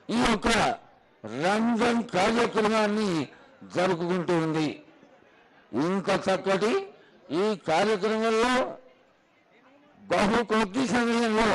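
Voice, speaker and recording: A man's voice: sits high, low-quality recording. A man making devotional public announcements at a temple ceremony, speaking solemnly and instructively in short separate phrases.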